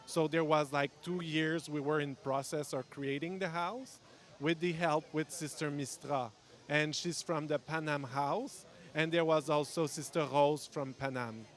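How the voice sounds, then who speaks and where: Founder, male, slightly high voice, hesitant English, outdoors. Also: fairly even intonation, a little slow. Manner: hesitant, second-language English. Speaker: founding member of a charity order. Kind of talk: interview answers.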